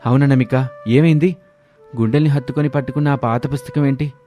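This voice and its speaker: A man voicing a worried, caring young son who asks anxious, quick questions in an animated family story. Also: mid-range voice, soft background music, pitched above the performer's own voice, close to an everyday voice.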